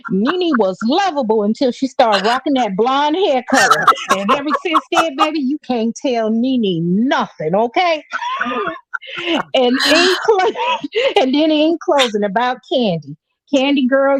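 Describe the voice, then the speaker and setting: A woman's voice: high-pitched, background noise. A woman calling in on a phone line that fades in and out, giving blunt opinions and calling people "baby". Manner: opinionated, says "baby" to her listeners. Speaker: caller. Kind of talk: live call-in commentary. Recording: dull, dry phone line.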